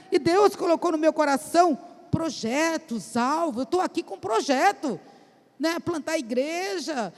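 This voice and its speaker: A woman's voice: sits high, gravelly. A Brazilian woman missionary giving an emotional sermon with personal testimony in a church, often calling out to the congregation. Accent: Brazilian Portuguese. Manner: emotional, repeatedly calls out to the congregation. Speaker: missionary preacher. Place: church sanctuary. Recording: church hall with long reverb.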